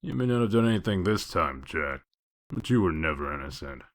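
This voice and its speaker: A man playing a gruff, sardonic, bossy wolf detective in a comic dub, speaking in a curt, commanding way. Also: animated, a little fast. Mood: scornful. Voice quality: deep voice.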